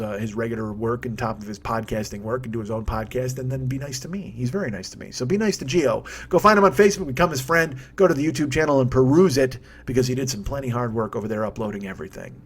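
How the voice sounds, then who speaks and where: Brief: male comedy podcast host with a fairly high voice and a rapid, rambling, profane ad read. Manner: rambling, profane, self-correcting plug.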